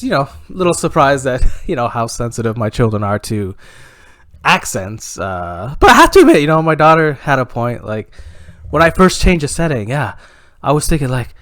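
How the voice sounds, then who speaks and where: A man's voice: mid-range voice, a bit bright, no room sound, clean studio sound. A Canadian man telling a stand-up comedy story in a rambling way, full of "you know" fillers and laughing at his own jokes.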